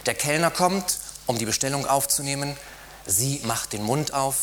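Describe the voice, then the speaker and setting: A man's voice: mid-range voice, normal speed, a bit bright, a little hiss or hum. A man giving a scripted satirical narration with a wry, ironic storytelling manner.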